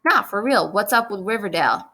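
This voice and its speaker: A woman's voice: medium pitch, animated, a little fast, pushed and bright. A woman reading an audiobook, voicing a teenage boy who challenges and teases a friend. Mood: challenging. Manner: teasing, challenging.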